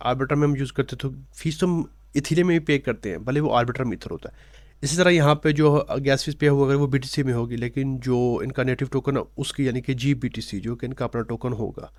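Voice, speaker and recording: A man at an average pitch talks through a casual screen-share explainer, steady and plain. He drops English technical terms into his sentences and pauses on "uh" fillers. The recording is close and dry. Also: no echo. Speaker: crypto channel host.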